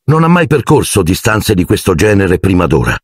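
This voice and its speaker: A man voicing an anxious teenage boy wizard who panics and shouts under strain. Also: deep voice, big pitch swings, moderate pace, husky, no room sound, clean studio sound, exaggerated voice. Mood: nervous.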